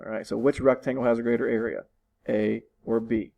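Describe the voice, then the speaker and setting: A man's voice: medium pitch, level tone, fairly quick, vocal fry, warm tone, poor audio. A man teaching his students from his living room, walking them through test questions patiently and repeating instructions. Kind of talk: recorded online lesson walkthrough.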